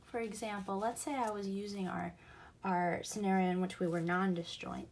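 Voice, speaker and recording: A woman's voice: mid-range voice, little pitch movement, normal speed, a little mellow, a little hiss or hum. A woman teaching a recorded math lesson, explaining patiently and going back over each key point.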